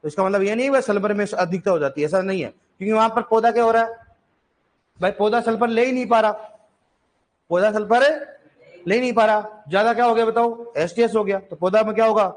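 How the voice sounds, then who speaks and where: A man's voice: high-pitched, brisk. A male agriculture teacher lecturing a classroom in with a tinge, quizzing students and repeating key answers, joking now and then.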